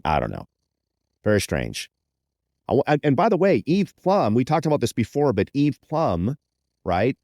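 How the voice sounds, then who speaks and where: A man co-hosting a podcast in casual chat, playful and animated, slipping into quick mock voices. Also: medium pitch, no echo, clean studio sound. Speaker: podcast co-host.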